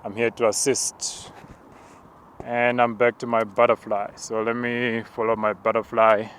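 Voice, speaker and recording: A man preacher walking outdoors and narrating spiritual visions in a hushed, halting, contemplative way. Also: mid-range voice, level tone, slight background noise. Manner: slow, hushed, halting and contemplative, with tongues-like words. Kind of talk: spoken prayer walk, narrated visions.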